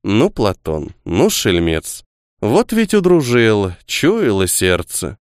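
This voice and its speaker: A man voicing an elderly noble countess who gives orders in a brisk, old-fashioned way. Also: fairly low pitch, huge pitch swings, clear, resonant tone, no echo, clean studio sound, full character voice. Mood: commanding. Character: elderly noble countess, commanding, gruff but kind.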